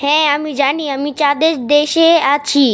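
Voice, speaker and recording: A woman's voice: high voice, little pitch movement, normal speed, natural voice. A woman voicing an earnest young boy in a children's cartoon, answering politely and sometimes frightened.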